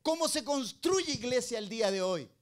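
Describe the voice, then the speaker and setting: High-voiced pastor preaching a sermon. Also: male voice, expressive, normal speed. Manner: preaching with rhetorical questions, swinging between loud emphasis and low asides.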